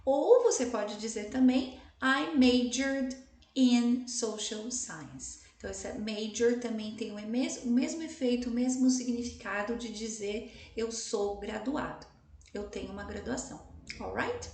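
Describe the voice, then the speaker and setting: A woman with a Brazilian Portuguese accent teaching English, slowly and patiently repeating words for pronunciation. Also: on the high side, animated, darkish tone, reverberant, slight background noise. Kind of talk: slow explanatory lesson.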